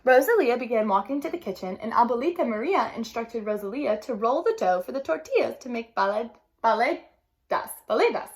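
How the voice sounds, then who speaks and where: Woman, teacher, story read-aloud, animated, slightly high, expressive. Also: a little fast. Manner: expressive, asks listeners questions.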